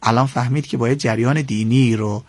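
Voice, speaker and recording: Brief: male radio guest lecturer, gravelly and a bit husky, dry close sound, lively storyteller. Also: mid-range voice, no echo. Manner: animated storytelling, quoting figures in shifting tones. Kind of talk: radio interview, explaining history.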